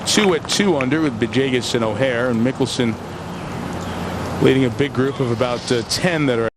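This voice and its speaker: A man's voice: medium pitch, normal speed. A man anchoring live golf coverage as a play-by-play commentator. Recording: loud outdoor background noise. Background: loud outdoor noise.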